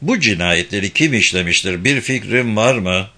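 A stern policewoman in an audiobook, played by a man in a slightly lowered, bright voice. She questions a witness with steady seriousness. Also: normal speed, heavily acted. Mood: serious. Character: serious female police officer, an interrogator.

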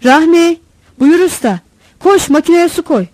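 A woman's voice: high-pitched, sing-song, normal speed, warm tone, no echo. A woman voicing an exhausted male truck driver with a drawling, sleep-dazed way of talking, in a storybook reading. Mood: sleepy. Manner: drawling and drowsy.

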